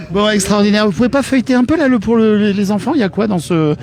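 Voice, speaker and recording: A male host with a high voice interviews passers-by live at an outdoor market. He talks in a chatty, joking way and keeps restarting his sentences. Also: a little mellow. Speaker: host of a local web TV channel.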